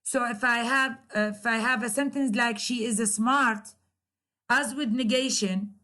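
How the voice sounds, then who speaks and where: A woman's voice: a little high, fairly even intonation, bright, forceful tone. Hesitant woman lecturing on grammar. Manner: hesitant, many fillers, repeats examples slowly. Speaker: university lecturer.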